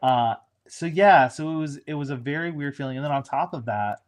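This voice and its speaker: A man's voice: on the high side, a little fast. A man, a showrunner, chatting casually in an interview, rambling with frequent restarts and fillers.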